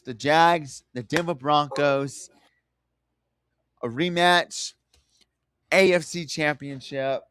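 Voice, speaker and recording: A man's voice: fairly high pitch, fairly bright tone, smooth, dry recording, studio quality. A man with a Southern US accent and drawl, chatting casually as he hosts a sports prediction livestream.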